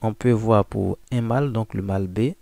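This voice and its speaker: Low dark-voiced man walking through software. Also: normal speed, creaky, dry recording. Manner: informal, addresses listener as tu, frequent "en fait" fillers. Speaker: software tutorial presenter. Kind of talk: casual screen-recording walkthrough.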